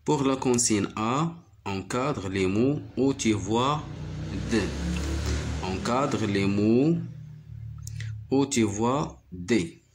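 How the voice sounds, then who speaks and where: A man's voice: mid-range voice, expressive, drawn-out words, over music. A man teaching a primary phonics lesson, patiently repeating each word and syllable.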